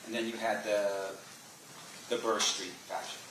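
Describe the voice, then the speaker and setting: A man doing a courtroom cross examination as an attorney, asking probing, leading questions with halting pauses. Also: on the low side, level tone. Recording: roomy echo, faint background noise.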